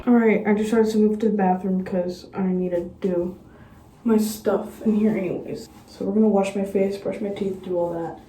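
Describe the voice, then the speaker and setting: A woman with a medium-pitched, steady, dark voice chats casually in a cooking vlog from her home bathroom and kitchen, speaking at a moderate pace. She rambles, pokes fun at herself, and says "um" a lot. The recording is roomy and off-mic, with household noise in the background.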